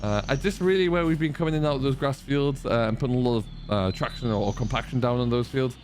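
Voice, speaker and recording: Hosting a farming roleplay gameplay video as a tenant farmer, a man chats casually and explains things while thinking aloud. His medium-pitched voice moves quickly with a darkish tone, over a little hiss or hum.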